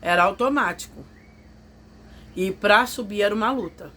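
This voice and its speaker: A woman's voice: medium pitch, normal speed, sharp tone. A woman telling a personal testimony to her viewers, confiding and emotional, acting out what others said. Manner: confiding, emotional storytelling that acts out others' voices. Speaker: vlogger telling a personal story.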